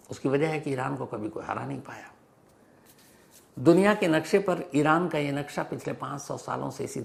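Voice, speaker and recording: In his explanatory news monologue, a male news explainer host uses an emphatic storytelling manner, posing questions and putting points another way for clarity. His voice is creaky and a little high.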